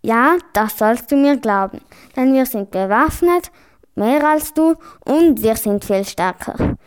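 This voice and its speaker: A woman voicing a boastful pirate captain, speaking lower than her own voice. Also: takes it slowly, clean tone. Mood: mocking. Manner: mocking, then calm and lower.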